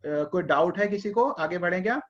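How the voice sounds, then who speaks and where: A man's voice: high-pitched, lively intonation, normal speed, a bit bright, dull audio. A male teacher running an online class, patiently calling on students by name and coaxing answers out of them.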